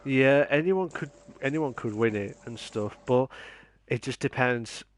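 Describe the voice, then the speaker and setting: Casual male sports interviewer, English Midlands accent, chatty, informal, mid-pitched. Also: unhurried. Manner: chatty, repeats phrases, informal. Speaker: post-race interviewer.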